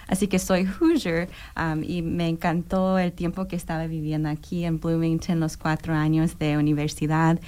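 A young woman from New York, a guest on an interview show, talking in an earnest, measured way with frequent hesitations. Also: low-pitched, a little mellow. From New York, United States. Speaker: guest, disaster program manager. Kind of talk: interview conversation.

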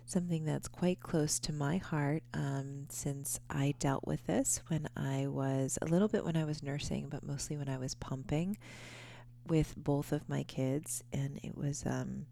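A woman in her thirties hosting a podcast, talking quietly and half-whispering in a groggy early-morning voice at home, with many ums. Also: sits low, steady tone, measured pace, creaky, slight background noise. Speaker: podcast host. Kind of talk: casual podcast monologue. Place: quiet home before dawn.

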